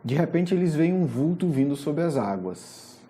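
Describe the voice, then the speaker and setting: A spiritist lecturer with a Brazilian Portuguese accent, retelling a Gospel story in an animated, storytelling way and often adding questioning asides. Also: mid-range voice, moderate pace.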